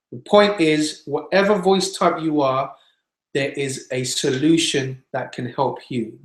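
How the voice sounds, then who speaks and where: A man teaching singing in an online webinar, explaining patiently and demonstrating scales. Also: fairly high pitch. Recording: echoey room.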